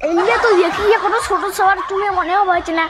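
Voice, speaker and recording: A woman's voice: extremely high pitch, steady tone, fast talker, heavy background noise. A woman playing a suspicious young village daughter in a Rajbanshi comedy sketch, teasing with a Rajbanshi accent. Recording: loud background music.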